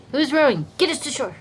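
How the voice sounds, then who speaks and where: High, lively woman joking at the table. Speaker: player. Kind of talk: casual play at a tabletop game.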